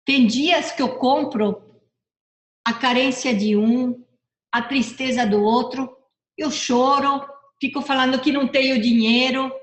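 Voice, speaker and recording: A woman's voice: high voice, fairly even intonation, measured pace. A middle-aged woman giving a casual motivational talk, chatty, often repeating and correcting herself. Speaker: personal development speaker. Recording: echoey room.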